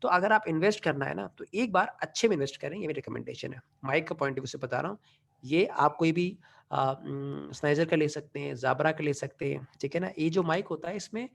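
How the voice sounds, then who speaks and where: Man, gravelly voice, casual online class, keeps checking in, mic switching, sometimes far from the mic. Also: on the high side. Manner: explains casually, checks in often with "ठीक है?". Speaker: online teaching trainer. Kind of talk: live online class demonstration. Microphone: USB studio mic and headset mic in turn. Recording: voice moves between mics, often from far off.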